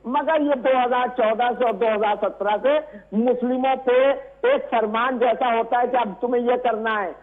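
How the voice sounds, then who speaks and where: An extremely high-pitched man, a religious scholar guesting on an argumentative TV debate, speaks at normal speed with fairly even intonation while arguing indignantly and emphatically. He joins through a remote call link, so the audio is thin, narrow, tinny and band-limited.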